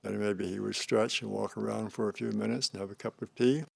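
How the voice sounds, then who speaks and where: An older man teaches meditation in a spiritual discourse. His voice is on the low side with a clear gravelly creak, recorded dry. He speaks slowly and calmly, placing short phrases deliberately with unhurried pauses between them. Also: dry recording.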